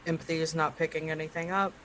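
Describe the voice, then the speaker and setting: A man describes his character's actions hesitantly while playing an online tabletop game. His voice sits fairly high for a man. A faint hiss lies behind him. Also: level tone, fast talker, sharp tone, low-quality recording. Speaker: player. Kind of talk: tabletop game chat over voice call.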